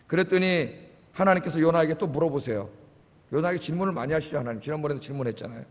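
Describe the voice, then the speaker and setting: A man's voice: fairly high pitch, racing. A male pastor preaching a Korean-language sermon, emphatic and dramatic, acting out quoted dialogue with rising intensity. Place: church sanctuary. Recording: long reverb of a church hall.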